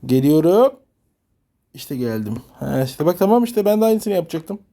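A man's voice: on the high side, sing-song, normal speed, dark tone. A man talking casually as a father playing a video game with his child, cooperative and often checking with questions. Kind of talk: casual gameplay chat.

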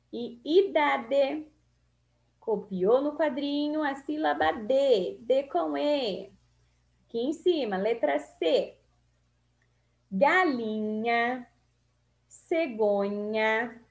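A Brazilian woman teacher slowly reading through a children's spelling lesson, drawing out each word in a sing-song way. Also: sits high. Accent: Brazilian Portuguese. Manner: drawn-out, sing-song words for small children. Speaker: primary school teacher. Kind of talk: slow, syllable-by-syllable reading lesson.

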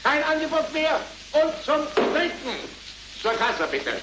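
An actor playing a stern, officious auctioneer, calling bids in formal set phrases in a 1930s film comedy. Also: male voice, very high voice, very animated, measured pace, full character voice. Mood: brisk, formal. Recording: noisy, echoey 1930s film soundtrack.

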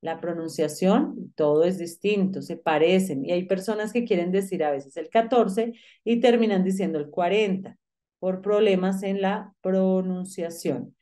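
A woman teaching English numbers, speaking to the student directly and repeating each number slowly so it can be drilled. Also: lowish voice, warm tone. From Colombia. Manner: addresses the student directly, with frequent "pilas" and "listo". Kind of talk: online English lesson.

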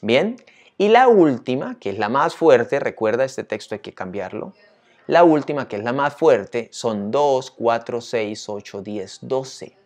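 A male teacher walking viewers through a tutorial in a lively, chatty way, often asking them questions. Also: mid-range voice, a little slow. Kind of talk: screen-share tutorial.

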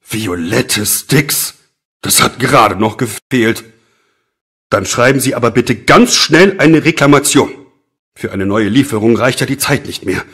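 A man playing a brisk, excitable office boss with emphatic, theatrical delivery in a scripted lesson dialogue. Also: mid-range voice, slightly rough. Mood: indignant.

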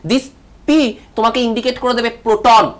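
A man's voice: very high-pitched, fairly even intonation, moderate pace. A man teaching a televised online class, stressing syllables and repeating key words, asking questions and answering them himself.

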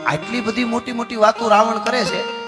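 A man voicing a wise old male bear counselor who speaks quietly and confidingly. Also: extremely high pitch, normal speed, long reverb tail, over music.

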